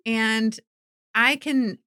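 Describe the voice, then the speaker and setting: Bright, fairly high woman co-host. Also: steady tone, very slow. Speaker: podcast co-host. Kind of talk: casual interview conversation.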